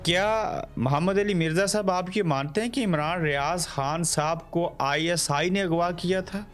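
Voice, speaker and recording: A man's voice: high-pitched, normal speed, fairly bright tone, soft background music. A man, hosting an interview and putting direct, probing questions. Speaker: host, interviewer.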